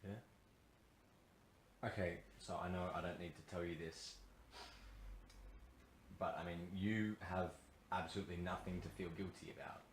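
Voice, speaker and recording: Young aussie guy, really low voice, gentle and reassuring, dry jokes, echoey room. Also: steady tone, unhurried, pauses often. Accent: Australian. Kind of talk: acted scene dialogue. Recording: echoey room with faint hum.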